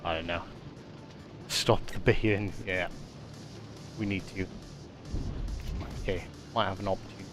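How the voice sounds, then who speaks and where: Swearing male game streamer, lowish voice. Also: flat delivery, moderate pace, long pauses, over music. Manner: swears often, repeats words, chuckles. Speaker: streamer playing a naval combat game. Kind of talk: casual gameplay commentary.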